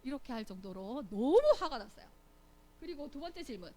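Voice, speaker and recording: A woman with a bright, high voice leads a children's Bible class in a church. Her pitch leaps up and down as she quizzes the kids and acts out the story, keeping it animated and playful. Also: brisk. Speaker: Sunday school teacher.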